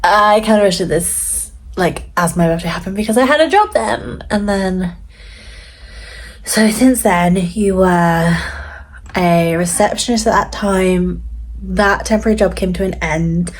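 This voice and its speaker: A woman's voice: medium pitch, a little slow. A woman, chatting casually and reflectively as she replies to her younger self in a vlog. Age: 30s. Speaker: vlogger.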